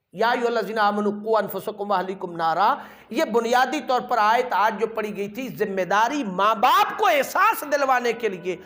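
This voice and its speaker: A man's voice: extremely high pitch, fairly bright tone. A man preaching a Friday sermon in an emphatic, rhetorical way, repeating his key phrases and asking the listeners questions.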